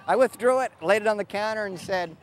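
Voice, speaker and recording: A man from Idaho in the United States speaks in a high, slightly fast voice. He's a sword swallower and circus-style performer, answering interview questions in a relaxed, plain-spoken, easygoing manner. The recording is noisy, taken at an outdoor fair with crowd sounds all around.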